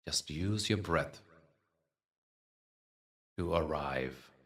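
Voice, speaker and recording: A very deep-voiced man leads a guided meditation. He speaks very slowly and soothingly, with long, measured pauses, and his voice sounds somewhat distant from the microphone.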